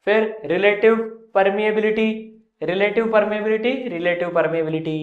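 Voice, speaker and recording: A male physics teacher giving an informal exam-prep lesson, repeating the key terms and pointing out what matters. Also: sits high. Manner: informal and emphatic, repeats key terms, switches between Hindi and English. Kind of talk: exam-prep lesson walking through a textbook. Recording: roomy, dull lo-fi sound.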